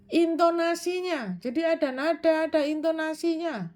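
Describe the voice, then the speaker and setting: A woman giving a self-improvement talk, explaining in a measured way, posing questions and answering them herself, with frequent hesitation fillers. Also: extremely high pitch, darkish tone.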